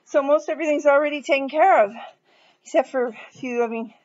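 A high-pitched, darkish voice comes through fast on lo-fi sound. This forties-aged vlogger, weary and short of breath from the move out of her house, rambles candidly and self-deprecatingly in a casual vlog.

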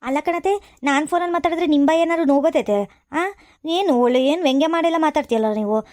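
A woman's voice: sits high, fast talker, a little mellow, no room sound, studio quality, lightly acted. A woman playing a spoiled young daughter-in-law from the city who complains and talks back, in a comedy skit. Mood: complaining.

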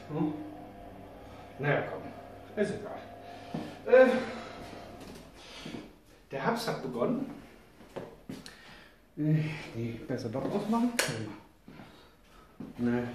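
A middle-aged German man with a mid-range voice rambles through an outdoor gear review for his vlog, joking around in colloquial speech with some mild swearing. He's in a concrete basement laundry room, picked up by a camera mic a few steps off, so the audio is echoey and carries background noise.

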